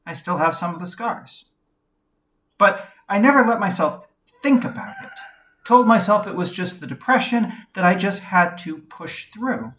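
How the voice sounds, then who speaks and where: Woman, reflective first-person narration, quiet and measured, candid, pauses often. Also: medium pitch, animated. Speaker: video essayist.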